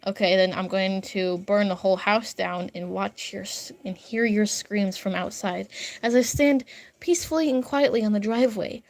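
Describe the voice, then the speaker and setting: Medium in pitch and a little mellow, this young woman's voice moves at a moderate pace. She's a livestreaming artist in her upstairs bedroom at home, casually chatting, rambling, giggling and veering off course while reading comments.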